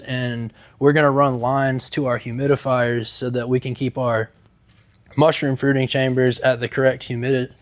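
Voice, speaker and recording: A young man giving a casual, upbeat walk-through tour in a laid-back way, talking like a vlogger. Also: mid-range voice. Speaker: small microgreen business owner giving a tour. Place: inside a large warehouse building.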